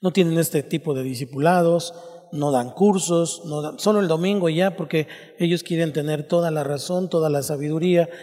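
A man's voice: a little high, fairly even intonation, normal speed, mellow, big-room sound. A male pastor teaching a sermon, explaining step by step and asking his listeners rhetorical questions.

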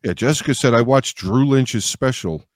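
A man in casual group banter as a podcast co-host, swearing freely and repeating his phrases excitably. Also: mid-range voice, normal speed, no echo, clean studio sound.

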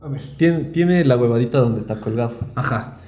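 A young man with a medium-pitched, mellow voice speaks fairly quickly as a podcast co-host, chatting casually with friends. He jokes and rambles in slangy speech. The room sounds roomy and echoey.

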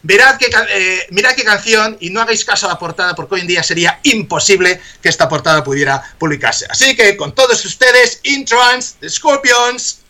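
A man's voice: high voice, fairly quick, few pauses, sharp tone. A man hosting a live radio show, joking playfully as he teaches English words.

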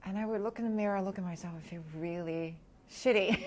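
Here a Hong Kong woman in her thirties speaks as an interview guest, open and reflective, with soft laughs slipping in between her thoughts. Her pitch is medium and her delivery brisk.

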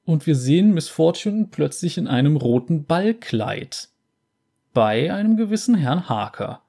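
A man reading through a video game in a dry, low-key way. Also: big pitch swings, measured pace, vocal fry, mellow. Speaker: game player reading dialogue. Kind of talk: let's play reading.

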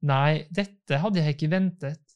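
A man's voice: fairly high pitch, darkish tone, smooth, muffled recording, natural voice. A man reading the part of an anxious, loving young bride in an audiobook.

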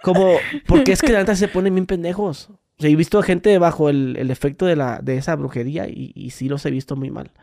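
A man telling a story in casual podcast chat, animated, full of crude slang and acted-out voices. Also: on the high side, brisk, gravelly, hardly any pauses, dry recording, clean studio sound.

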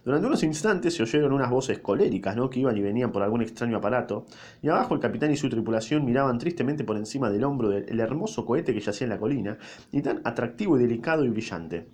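A man's voice: mid-range voice, lively intonation, quick pace, darkish tone. Rioplatense man reading a story. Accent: Rioplatense Spanish. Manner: informal, irreverent, slangy. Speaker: narrator. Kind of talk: casual story reading with jokey asides.

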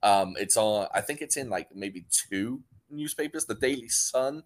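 With a North Welsh accent that sounds fairly English, a young podcast co-host rambles through casual chat, restarting often and laughing plenty. His lowish voice is expressive and a little slow.

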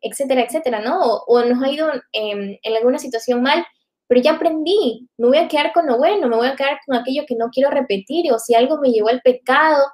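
Woman, high voice, reflective spiritual talk, frequent "¿no?" tags. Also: fast, darkish tone. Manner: reflective, many filler tags like "¿no?". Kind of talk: live faith talk to viewers.

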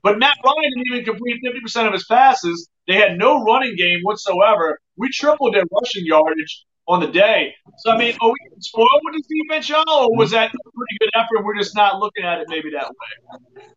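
A high-pitched man with a bright, sharp voice talks sports over a call. His sound is robotic and tunnel-like, as if through a phone or headset mic. It has thin, lo-fi quality. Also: expressive, brisk. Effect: robotic, tunnel-like phone-call audio. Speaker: sports podcast co-host.

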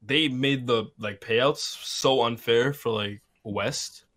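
A man in casual podcast chat, excitable and blunt. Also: mid-range voice, takes it slowly.

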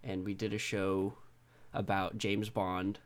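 A man's voice: low-pitched, flat delivery, takes it slowly. A young man from Texas co-hosting a podcast, telling personal stories in an informal, laid-back way. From Texas, United States. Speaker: podcast co-host. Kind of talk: casual personal storytelling.

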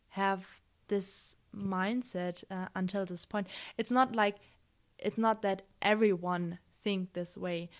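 A young woman from Germany speaking English as a second language, answering interview questions hesitantly with many fillers. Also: medium pitch. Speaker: interview guest. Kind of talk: casual interview.

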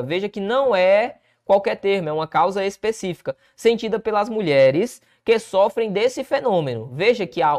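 A Brazilian man teaching Portuguese for an exam, working through test questions and answering his own rhetorical questions. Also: sits high. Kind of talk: exam-prep lesson walking through questions.

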